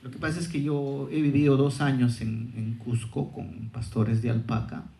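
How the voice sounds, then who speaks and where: A male anthropologist recounts an anecdote at a panel, pausing and repeating words as he searches for them. The hall adds echo and a faint noise floor. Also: medium pitch, flat delivery, gravelly, mellow. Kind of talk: conference talk.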